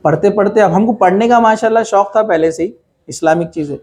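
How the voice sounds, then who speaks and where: A man's voice: high voice, a little mellow. A man giving a conversational religious talk, asking rhetorical questions and mixing in English words. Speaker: Islamic speaker.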